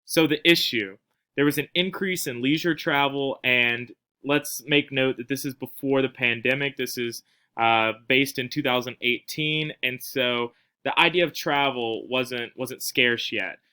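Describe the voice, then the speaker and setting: A man's voice: medium pitch, unhurried, bright, forceful tone, smooth. A man giving a casual recorded class presentation, with frequent fillers and restarts. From not from Spain. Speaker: student presenter.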